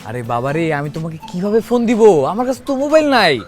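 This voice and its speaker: Man as a cheeky nephew, high, lively voice. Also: rapid-fire, faint music behind. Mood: pleading. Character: naive teasing young village nephew.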